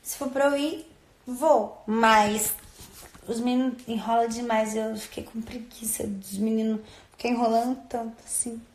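A high-voiced woman talks into her phone in a loose, chatty way, drifting from story to story with playful asides. The room around her rings with a clear echo. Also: steady tone, measured pace, darkish tone. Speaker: social media influencer. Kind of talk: casual phone stories chat. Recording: roomy echo.

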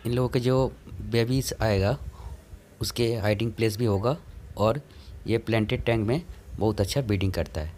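Male host, casual step-by-step explainer, middle pitch, phone recording with faint hiss. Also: darkish tone. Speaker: channel host. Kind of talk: casual how-to narration.

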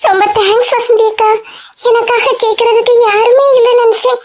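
A woman's voice: very high-pitched, flat delivery, a little fast, a little mellow, voice pushed up. A woman voicing Geetha, a meek, grateful village woman in a cartoon, with a Kanyakumari Tamil accent and a sweet, eager-to-please manner.

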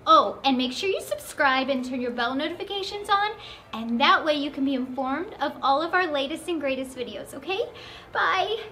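A woman's voice: high-pitched, animated, normal speed, sharp tone, a little hiss or hum. A woman playing a flustered princess stuck in her sister's body, catching and correcting her own slips in a live-action play-acting skit. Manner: flustered, stumbling, self-correcting.

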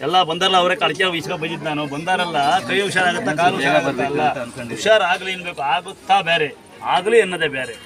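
Fast, commanding man blessing a crowd. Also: high voice. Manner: commanding, repeats instructions. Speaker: temple healer blessing devotees. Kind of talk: giving blessings and remedies to a crowd. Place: outdoor temple grounds among devotees. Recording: crowd noise around.

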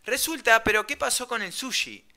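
A young man with an Argentine Rioplatense accent, casually telling a slangy, animated anecdote. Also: very high voice, moderate pace. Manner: animated, slangy, laughs mid-story. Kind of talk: casual storytelling.

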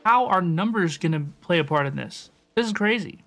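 This woman's voice sits on the low side yet sounds fairly bright, moving at normal speed with lively intonation. She's livestreaming a game with music in the background, chatting easily with viewers and repeating her phrases a lot.

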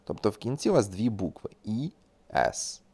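A man's voice: lowish voice, very animated, moderate pace, creaky, dark tone, slightly rough. A man giving a spoken grammar lesson as an English teacher, explaining patiently and repeating example words.

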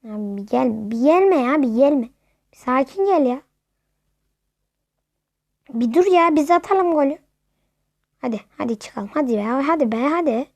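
A woman giving casual live commentary while playing a football video game, excitably shouting at the players and the referee. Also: high voice, a little slow, long pauses, no echo. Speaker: gamer.

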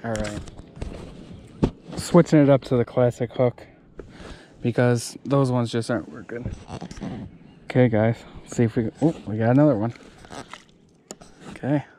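Relaxed young man fishing from a kayak. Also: medium pitch, a little slow, pauses often, slight background noise. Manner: relaxed, chatty, talks to viewers. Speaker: fishing vlogger. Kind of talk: casual narration while fishing. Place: kayak on a lake outdoors. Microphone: head-mounted action camera.

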